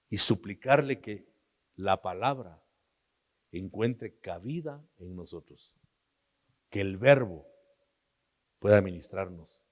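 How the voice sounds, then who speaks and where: Male pastor with a Guatemalan accent; sermon delivery, soft asides broken by loud, high bursts; echoing hall. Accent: Guatemalan Spanish. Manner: preaching with sudden loud, high outbursts and hushed asides.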